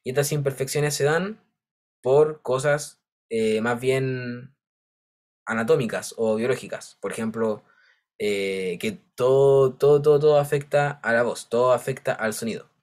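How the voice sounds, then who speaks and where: A man's voice: mid-range voice, steady tone, a little slow, a little mellow. Male teacher explaining with constant check-ins. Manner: explanatory, checks understanding with frequent "¿ya?". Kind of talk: online class lecture.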